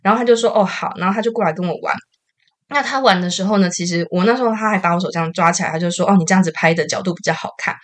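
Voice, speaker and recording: A hoarse young woman. She co-hosts a podcast and tells a story with excitement, acting out her own shouts. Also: lowish voice, very fast, dry recording. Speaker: podcast co-host. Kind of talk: casual podcast chat.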